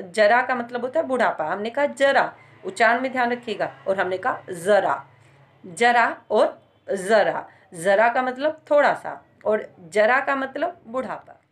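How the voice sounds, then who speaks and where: Woman teaching grammar, slow and deliberate. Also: a little high, a bit bright. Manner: slow, explanatory, hesitant fillers, stresses example words. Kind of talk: Hindi grammar lesson.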